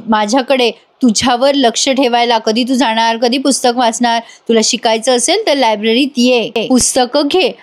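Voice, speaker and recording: A woman's voice: high voice, close to an everyday voice. A woman voicing a haughty female college professor who speaks scornfully and taunts.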